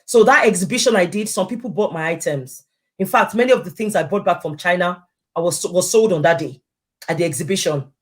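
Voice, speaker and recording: Animated woman telling her business story. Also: on the low side, a little fast. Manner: animated storyteller acting out quoted exchanges. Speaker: guest. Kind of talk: casual interview chat.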